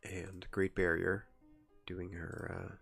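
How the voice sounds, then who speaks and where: A man's voice: low-pitched, flat delivery, extremely slow, creaky, fairly bright tone, slightly rough, soft background music. A young man streaming a wrestling management game, chatting and giggling to himself as he makes choices. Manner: chatty, giggly, talks to himself while deciding. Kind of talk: casual gameplay commentary.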